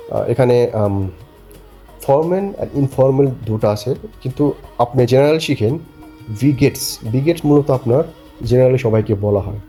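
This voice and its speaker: A man's voice: mid-range voice, warm tone, husky. Patient man teaching a beginner class. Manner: patient, repeats phrases slowly for learners to copy; keeps asking if learners follow. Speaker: language teacher. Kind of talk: beginner language lesson.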